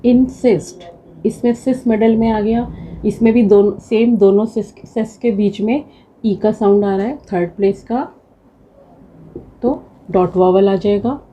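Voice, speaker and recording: Slow, patient woman teacher. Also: medium pitch, mellow, a little hiss or hum, low-quality recording. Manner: patient, repeats words slowly to drill them. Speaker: shorthand teacher. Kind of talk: slow classroom explanation.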